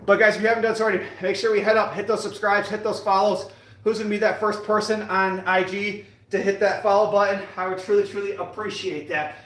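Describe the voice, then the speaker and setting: Working out in an indoor gym, an American man in his late thirties streams live and chats casually with viewers. His high-pitched, fairly bright voice barely moves in pitch, and he talks fast in a repetitive, motivational manner. Echo fills the room.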